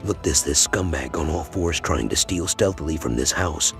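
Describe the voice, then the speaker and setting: A man's voice: very deep voice, normal speed, a bit bright, faint music behind. A man reading scripted narration for a compilation of crime clips.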